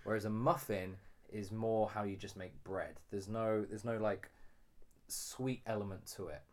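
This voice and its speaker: British male co-host, lowish voice, chatty rambling explainer who laughs a lot. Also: steady tone, measured pace, darkish tone. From United Kingdom. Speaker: podcast co-host. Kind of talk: casual chat.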